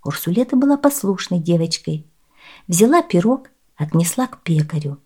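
Expressive woman telling a fairy tale. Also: lowish voice, normal speed, husky. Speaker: storyteller. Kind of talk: scripted fairy-tale narration.

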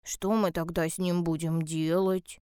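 A woman voicing a timid young male bear cub in a storybook reading, soft and hesitant. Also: on the low side, little pitch movement, unhurried, clean tone, no echo, studio quality, pitched below the performer's own voice, natural voice. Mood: wondering. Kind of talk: storybook character voice.

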